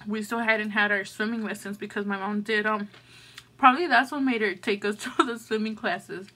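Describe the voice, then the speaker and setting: A woman's voice: mid-range voice, steady tone, moderate pace, pushed and bright. A young woman with a Californian accent, a mukbang vlogger rambling through a story while chewing her food. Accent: Californian English. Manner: rambling, many fillers and restarts. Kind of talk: casual storytelling while eating.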